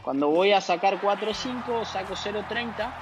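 A man's voice: high-pitched, normal speed, a little hiss or hum. Argentine man telling a story. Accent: Argentine Spanish. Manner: animated storyteller, hesitant restarts. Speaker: guest, professional tennis player. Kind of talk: casual interview storytelling.

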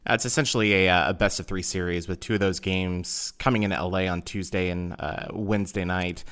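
A male podcast co-host asks a casual question, hesitating with a few fillers. His voice is very deep. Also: fairly even intonation, a little fast, fairly bright tone, smooth.

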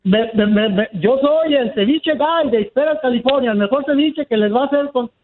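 A man's voice: very high-pitched, moderate pace, narrow, tinny audio. A man calling a radio show, nervous and grateful. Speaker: caller, listener selling ceviche.

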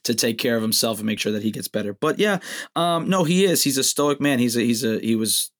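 A man with a mid-range voice chatting as a podcast guest. He speaks reflectively and haltingly, restarting his sentences as he works out what he means. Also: medium pitch, expressive. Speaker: guest songwriter. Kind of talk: casual podcast chat.

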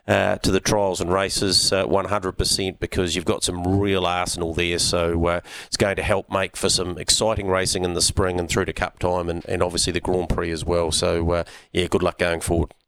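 A man's voice: deep voice, fairly bright tone, dry recording. A man hosting a casual sports radio interview in a blokey, matey, laid-back manner. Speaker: radio show host.

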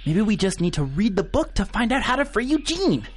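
A man's voice: high voice, sing-song, fairly quick. A man playing a dim, gullible cosmonaut in an audio comedy drama, talking in a naive, flippant, slangy way.

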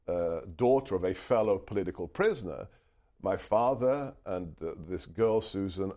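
As a guest author giving interview answers, this middle-aged man from the United Kingdom, who speaks Hungarian, has a lowish, dark voice. His storytelling is earnest and emphatic, full of restarted phrases.

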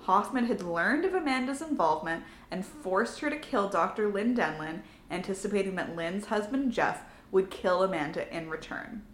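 A woman's voice: mid-range voice, animated, normal speed, hardly any pauses. Woman podcast co-host, plot recap with jokey asides, roomy echo, faint hum. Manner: reads plot summary, joking asides. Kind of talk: casual movie recap chat.

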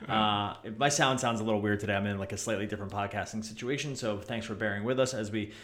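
A man's voice: on the low side, fairly even intonation, quick pace, fairly bright tone. A man hosting a casual sports podcast, chatting and joking with frequent restarts, his voice echoey from a makeshift room setup. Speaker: podcast host.

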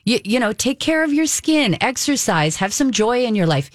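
A woman in her fifties chats about beauty on a radio show, upbeat, encouraging and emphatic. Her pitch moves in a lively, animated way, and the studio sound around her is dry and close. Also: moderate pace, no room sound. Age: 50s. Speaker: beauty expert co-host. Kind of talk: casual radio chat.

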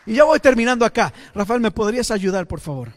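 A man preaching a sermon as pastor, with dramatic pauses and occasional English asides. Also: sits high, very animated, some chatter behind. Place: church. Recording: church hall reverb.

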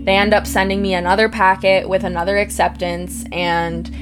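A young American woman tells a story from her own life at a mid-pitched, natural level. She acts out what people said with lively, animated energy. Faint music plays quietly behind her voice. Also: normal speed. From United States. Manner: lively, animated retelling with acted-out quotes. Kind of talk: personal storytelling.

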